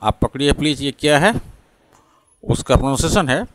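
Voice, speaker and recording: A man with an Indian English accent teaching English pronunciation, slowly repeating words and spelling them out letter by letter. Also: mid-range voice, lively intonation, no echo. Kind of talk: classroom-style lesson mixing Hindi and English.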